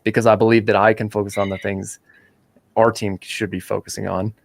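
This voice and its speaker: A man's voice: lowish voice, little pitch movement, a little fast, creaky, no room sound. A man hosting a podcast, asking his guest curious questions in a casual way. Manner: curious, asks questions thinking aloud. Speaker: podcast host.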